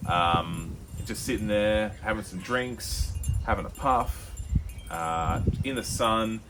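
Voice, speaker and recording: A young Australian man co-hosting a podcast, telling a rambling story with lots of fillers and quick put-on voices. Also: fairly low pitch, background noise. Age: young adult. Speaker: podcast co-host. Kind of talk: casual chat.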